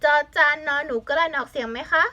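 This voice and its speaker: A young woman teaches children, her voice bright and a little high. She spells each word letter by letter, patiently asks the class for answers, and slips in short English glosses. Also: quick pace, dull audio. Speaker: Thai language teacher. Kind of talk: online language lesson for children.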